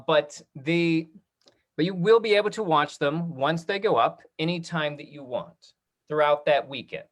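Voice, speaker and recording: The speaker, with a mid-range voice, hosts a laid-back online talkback. The delivery is halting and chatty, much like a drama teacher's.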